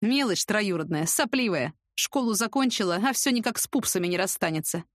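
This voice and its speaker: A smug young man with a lazy, mocking drawl, as a woman narrator puts him on. He teases and shrugs people off in a fairly high, lively voice. It is a dry, close audiobook read. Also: fairly quick, no room sound. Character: cocky young man, smug teasing charmer.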